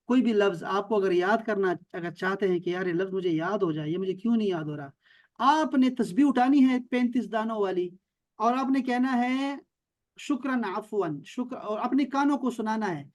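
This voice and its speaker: A man's voice: high voice, a little mellow. A man teaching an online language class, emphatic and drilling words over and over on a video call. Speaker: Arabic teacher.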